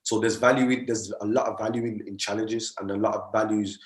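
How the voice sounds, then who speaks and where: A man's voice: on the low side, fairly even intonation, brisk. A young man, a mindset coach talking earnestly as a podcast guest, often tagging "man" and "you get me" onto his sentences. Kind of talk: podcast conversation. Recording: roomy echo.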